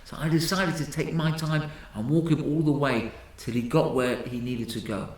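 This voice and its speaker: A male rabbi telling stories in a sermon, animated, often repeating words and using Hebrew terms. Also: on the high side, moderate pace. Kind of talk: storytelling sermon. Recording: very echoey room.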